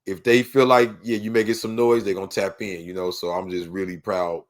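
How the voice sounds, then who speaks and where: Middle-aged LA man, very deep voice, interview guest, loose and rambling. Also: flat delivery, a little fast. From Los Angeles. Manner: laid-back and rambling, heavy on "you know what I'm saying". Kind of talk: casual interview talk.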